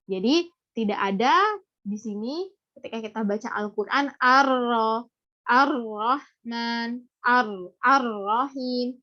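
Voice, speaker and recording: An Indonesian woman teaching a recitation lesson in a halting, explanatory way, with a slight impediment on her rolled r. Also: a little high. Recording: dull, lo-fi audio.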